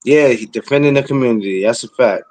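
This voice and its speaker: A man's voice: medium pitch, fast talker, a little mellow. A man in his forties hosting a casual podcast, talking bluntly in streetwise slang and giving life advice in a preachy way. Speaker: podcast host.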